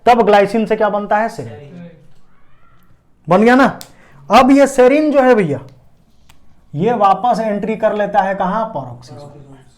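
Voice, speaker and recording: A man teaches a biology lesson at a board, working through it step by step and posing check questions he then answers himself. His voice sits high and he speaks at normal speed in this classroom lecture.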